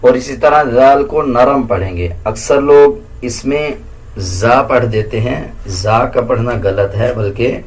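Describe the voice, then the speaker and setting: A man teaching tajweed, explaining the pronunciation rules in a plain, instructive way and then chanting verses slowly in a higher, melodic voice. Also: breathy edge. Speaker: Quran recitation teacher.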